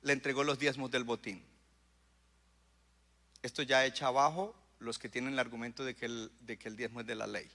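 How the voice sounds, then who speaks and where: Male pastor, sermon delivery, bright ringing tone with emphatic swells; long reverb of a church hall. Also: medium pitch, flat delivery, brisk, pauses often. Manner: preaching with rising bursts of emphasis and audience call-outs.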